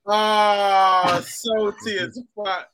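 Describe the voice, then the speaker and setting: London roadman guy, high sharp voice, slangy arguey football banter, repeats himself loads. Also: little pitch movement, drawn-out words, slight background noise. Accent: London, urban street slang. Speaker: football show host.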